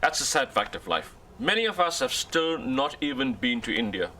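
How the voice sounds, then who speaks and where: A man's voice: medium pitch, big pitch swings, normal speed, sharp tone, a little hiss or hum. An actor playing a jovial man who keeps joking and teasing. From South Africa. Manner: joking, teasing, laughs often. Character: jovial South African Indian man, joking fixer.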